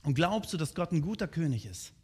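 A man's voice: on the high side, sing-song, fairly quick, husky. A man preaching a sermon in a conversational way, often asking his listeners direct questions.

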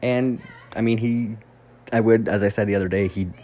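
A man's voice: lowish voice, fairly even intonation, normal speed, warm tone. A man hosting a casual solo fantasy football podcast from a room at home, rambling and swearing freely as he gets sidetracked. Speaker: podcast host. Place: room at home, door nearby.

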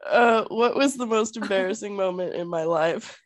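A woman's voice: medium pitch, normal speed, no echo. A woman co-hosting a podcast in casual chat, telling stories and teasing her friend with plenty of swearing. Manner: profane, teasing, storytelling. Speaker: podcast co-host.

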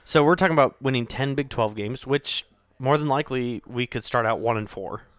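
A man co-hosting a casual sports podcast, excitable and swearing, reacting out loud to plays. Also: mid-range voice, brisk, clean tone, no echo. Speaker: podcast co-host. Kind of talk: casual podcast chat with live game reactions.

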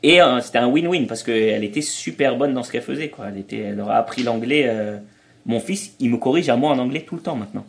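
Homme d'âge moyen qui raconte des anecdotes. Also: male voice, mid-range voice, animated, fast, vocal fry. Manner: explanatory, anecdotal, hesitant restarts. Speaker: guest, traveling parent. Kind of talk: casual interview chat.

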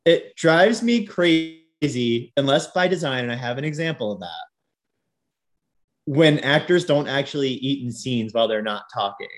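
A man's voice: mid-range voice, animated, moderate pace. Chatty man laughing between thoughts. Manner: chatty, laughs often, rambling asides. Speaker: podcast co-host. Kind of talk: casual chat about TV and film.

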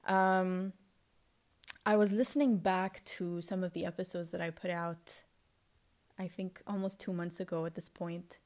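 A woman's voice: fairly low pitch, steady tone, a little slow, a little mellow. A woman with a Lebanese accent, partly Americanized, talks as a solo podcast host in a casual, confessional, reflective and rambling way.

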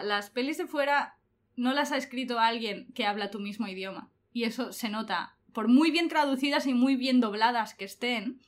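A young woman, chatting casually and laughing often. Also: a little high. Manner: animated, laughs often, colloquial. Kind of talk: casual chat.

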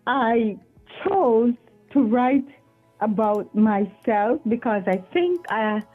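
A woman, a guest author answering interview questions in an earnest, measured, devout way. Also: on the high side, animated, soft background music. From Jamaica. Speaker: author and retired teacher, guest. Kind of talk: interview answers over a call. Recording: tinny phone-line audio.

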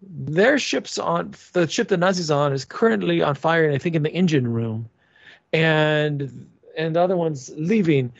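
A man's voice: on the high side, normal speed, gravelly, dry recording, dull audio. A man in casual podcast chat, rambling with frequent restarts and fillers. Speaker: podcast co-host.

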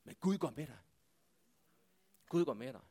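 A man preaching a sermon, swinging between loud impassioned calls to God and hushed, quiet passages. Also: medium pitch, animated, husky. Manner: impassioned, calling out to God, then dropping to hushed tones. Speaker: pastor.

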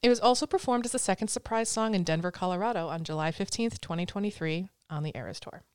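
A woman's voice: lowish voice, quick pace, clean tone, no echo. Female podcast host, casual, giggly, filler-heavy, dry recording. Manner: chatty, giggly, trails off with fillers. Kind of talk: casual chat, reading notes.

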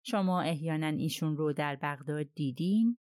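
A persistent foreign detective who questions with polite, coaxing persistence, as a woman narrating a mystery voices him. The voice sits low-ish, and the recording is dry and close. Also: darkish tone, dry recording, natural voice. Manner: probing, politely persuasive.

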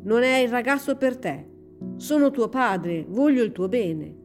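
A woman's voice: fairly high pitch, sing-song, moderate pace, a little mellow, soft background music, voice pushed up. A woman voicing a stern, protective middle-aged father who scolds with a raised voice. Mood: firm.

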